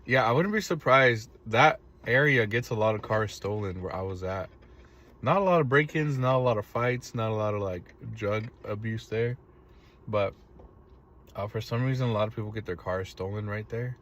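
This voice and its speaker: A man chatting casually on a live stream from inside his parked car, telling a story in a relaxed way and swearing freely. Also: on the low side, normal speed, slight background noise. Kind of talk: casual live-stream chat reading comments.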